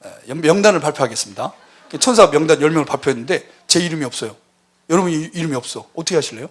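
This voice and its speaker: Lively high-voiced male preacher. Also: racing. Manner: animated storytelling, acting out quoted voices. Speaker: missionary guest preacher. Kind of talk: lively sermon. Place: church.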